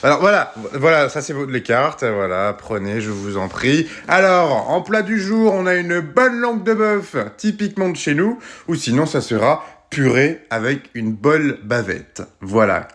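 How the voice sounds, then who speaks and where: A man's voice: fairly high pitch, lively intonation, a little slow, hardly any pauses, fairly bright tone. A man playing a rude country restaurant waiter who mocks his guests in a comedy sketch. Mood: mocking. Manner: mocking, insulting.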